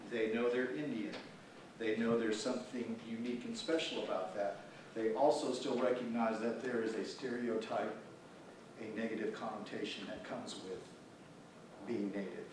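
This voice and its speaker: A man's voice: on the low side, fairly even intonation, moderate pace. A man giving an earnest, explanatory conference presentation about empowering youth. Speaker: prevention program presenter. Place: conference room. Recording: echoey hall from far off, faint noise.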